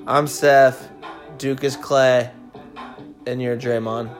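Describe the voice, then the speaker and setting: A man's voice: mid-range voice, little pitch movement, slow pace. A young man hosting a casual podcast, joking, teasing and swearing a lot. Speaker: podcast host. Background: music playing.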